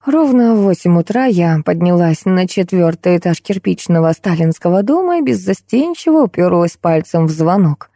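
Woman narrating an audiobook, mellow and dry. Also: fairly low pitch, lively intonation, normal speed, few pauses, no echo. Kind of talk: scripted narration.

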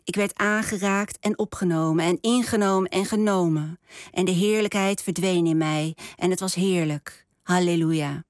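Brief: female author, lowish voice, slow measured reading, dry close sound. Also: fairly even intonation, no echo. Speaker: author reading from her novel. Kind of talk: literary reading and interview.

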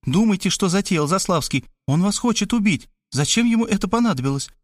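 A man reading an audiobook, voicing a fussy, insistent middle-aged woman who talks fast and pushes her point. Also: sits high, expressive, a bit bright, dry recording, clean studio sound, voice pushed up. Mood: pressing. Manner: rapid, pushy, matter-of-fact.

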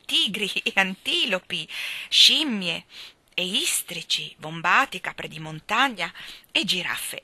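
Bright, expressive woman reading a story. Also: mid-range voice, no room sound. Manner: expressive, voicing each animal. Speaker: audiobook reader.

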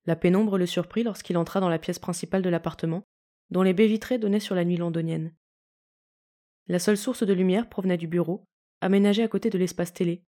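A woman reading a fanfiction story aloud in calm, even audiobook narration. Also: lowish voice, a little fast. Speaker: fanfiction reader.

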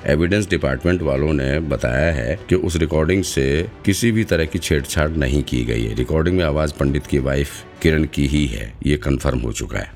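A man's voice: very deep voice, moderate pace, hardly any pauses, darkish tone, soft background music. A male narrator voicing a respectful young junior officer giving a report in an audiobook. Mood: dutiful.

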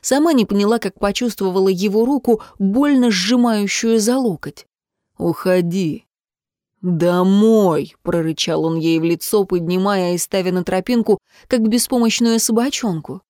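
A woman narrating a novel in an even, measured reading voice. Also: mid-range voice, no echo, clean studio sound. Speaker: audiobook narrator.

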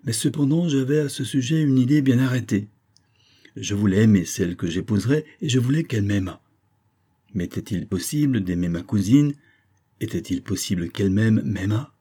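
A man's voice: medium pitch, animated, moderate pace, mellow, husky. A man reading aloud and voicing an earnest young colonel who explains himself insistently.

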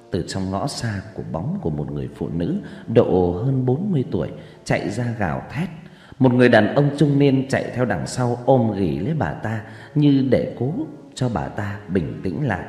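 A man tells a scripted horror story in a low, mellow voice that rises and falls dramatically. He builds suspense with slow, drawn-out pauses. A long echoey reverb and soft background music wrap around the narration. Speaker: audiobook narrator.

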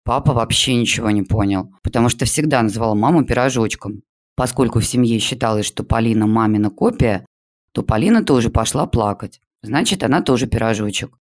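A man's voice: medium pitch, fairly quick. A man narrating a humorous story about a school class, reading it aloud in a playful manner. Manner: lively, playful voicing of a class. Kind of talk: audiobook narration.

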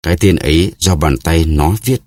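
A man reading an audiobook, voicing a grave, calm male musketeer with a measured delivery. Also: sits low, natural voice.

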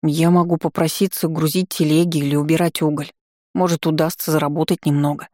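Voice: mid-range voice, little pitch movement, brisk, mellow, no room sound, clean studio sound, close to an everyday voice. A narrator doing an eager, earnest young boy.

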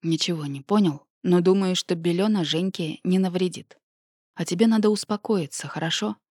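A woman reading an audiobook, voicing a calm, caring man who speaks in a soothing, measured way. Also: fairly low pitch, breathy edge, no room sound, studio quality.

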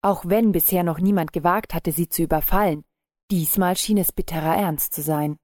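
A woman narrating a story in a calm, measured reading. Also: lowish voice, dry recording, clean studio sound. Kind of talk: scripted audiobook narration.

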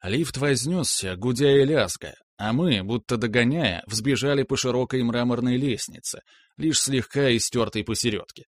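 A man calmly narrating a first-person story as an audiobook reader. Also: medium pitch, moderate pace, no echo. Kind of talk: scripted narration.

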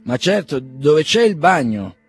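A man's voice: a little high, very animated, measured pace, soft background music, voice pushed up. A man voicing an old household servant who is discontented and matter-of-fact. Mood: grumbling.

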